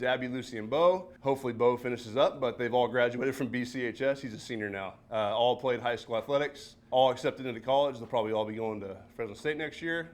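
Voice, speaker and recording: A man in his early forties, a high school football coach, giving a personal talk at a seminar in a church, chatting with many fillers and tag questions. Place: church meeting room.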